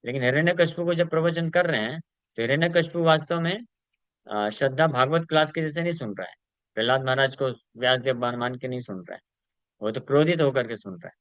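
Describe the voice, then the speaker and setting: A man in the middle of a devotional scripture class, reading verses slowly and then unpacking them at length. He chants Sanskrit lines and drops English terms into his explanations. The recording is close and dry, with his voice at an ordinary middle pitch for a man. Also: fairly bright tone, no echo. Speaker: devotional lecturer.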